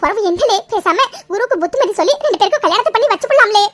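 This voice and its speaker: A woman's voice: extremely high pitch, animated, racing, fairly bright tone, slight background noise. A woman voicing a blunt, folksy grandmother who talks in a rustic, bossy way, ordering her grown son about. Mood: coaxing.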